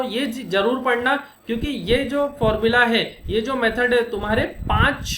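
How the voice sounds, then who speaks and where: A man teaching an accounting lesson, walking through each step with questions to his students and slowing down to dictate formulas. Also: extremely high pitch. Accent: Indian. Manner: explains step by step with rhetorical questions. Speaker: commerce teacher. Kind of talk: classroom lecture. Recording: echoey room, faint noise.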